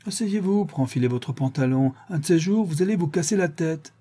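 A man reading an audiobook, voicing a stern, shrewd woman who questions her servants in a measured, deliberate way. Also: on the high side, expressive, mellow, slightly rough, pitched above the performer's own voice. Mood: cold.

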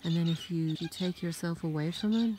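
A woman whispering a soft, awed nature ASMR vlog outdoors on her farm at dusk, recorded on a handheld phone. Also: on the low side, a little fast, background noise. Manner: soft, hushed, reflective and awed. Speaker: farm vlogger.

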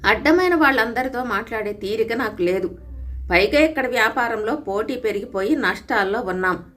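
Woman doing a gruff bullying husband. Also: on the high side, expressive, moderate pace. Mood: harsh, angry. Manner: harsh, loud and scolding. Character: gruff domineering young husband, a coconut trader.

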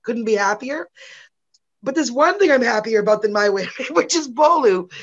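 A woman's voice: a little high, expressive, normal speed. A woman in her fifties, a guest on a podcast, talking enthusiastically in a rambling way with many restarts. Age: 50s. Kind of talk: casual interview chat. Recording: dull lo-fi audio.

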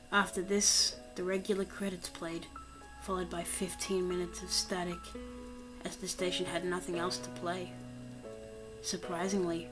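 A woman with a fairly low voice reads a creepypasta horror tale in a steady scripted tone. Her voice goes hushed and slow for the grim parts, over clear background music. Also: low-quality recording. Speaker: creepypasta narrator. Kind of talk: scripted horror story narration.

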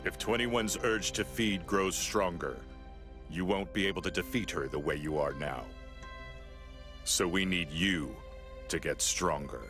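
An actor playing a huge, stoic male android in a video game, speaking in a grave, measured, formal way. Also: deep voice, over music. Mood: solemn. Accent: American. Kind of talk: video game cutscene acting.

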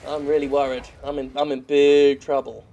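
A man's voice: fairly high pitch, flat delivery, normal speed, warm tone. A British man giving casual, rambling and self-deprecating gameplay commentary, swearing freely as he plays. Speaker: gamer commentating over gameplay. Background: faint video game action sounds.

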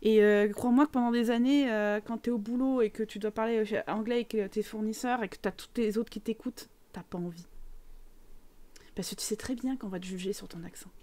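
Chatty French woman streamer, high voice. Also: fairly even intonation, fairly quick, mellow. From France. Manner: chatty, rambling, many fillers. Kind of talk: casual live game commentary with chat.

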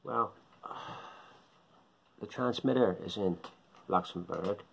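Speaking extremely slowly, a middle-aged shortwave radio hobbyist vlogs casually to camera in a small indoor living room, picked up at close range by a phone or webcam. His low, gravelly voice is fairly bright with a breathy edge. He rambles, muses aloud, and repeats himself.

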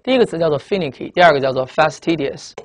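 There's slight background noise behind this expressive, mid-range voice. In a classroom vocabulary lesson at the board, the teacher speaks emphatically, throws out rhetorical questions, spells each word letter by letter and lingers slowly over target words.

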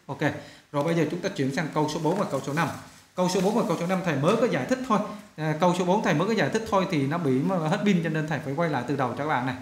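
Male teacher, patient lesson delivery, slightly high voice. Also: reverberant. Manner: slows down to read sentences aloud, fills with "đó" and "à". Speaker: English teacher. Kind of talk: classroom lesson explaining sentence rewriting.

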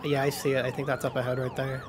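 A man's voice: mid-range voice, completely flat delivery, fast talker. A man playing a police officer in a game, switching between police radio call-ins and casual commentary. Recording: noisy gameplay audio with sirens behind.

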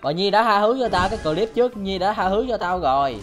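Young man, Southern Vietnamese accent, indignant accusing retorts, rapid talk, loud game music behind. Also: high-pitched, animated. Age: young adult. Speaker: gaming YouTuber. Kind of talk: heated in-game voice chat argument.

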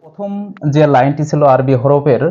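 A man's voice: mid-range voice, fairly even intonation, dark tone. Man drilling syllables in a dull lo-fi lesson. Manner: slow drilled syllable chanting with repetition. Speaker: Quran reading teacher. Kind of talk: step-by-step recitation lesson.

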